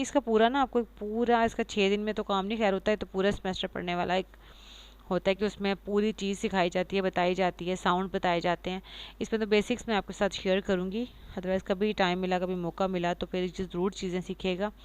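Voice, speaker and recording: A woman giving a pronunciation lecture, explaining patiently, reading English lines slowly and repeating example words. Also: mid-range voice, clear, resonant tone. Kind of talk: lecture mixing Urdu and English.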